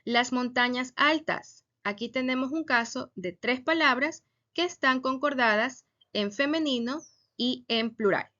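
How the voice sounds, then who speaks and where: A woman teaching a Spanish grammar lesson, speaking slowly and deliberately and stressing each example word. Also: sits high, sharp tone, lo-fi sound.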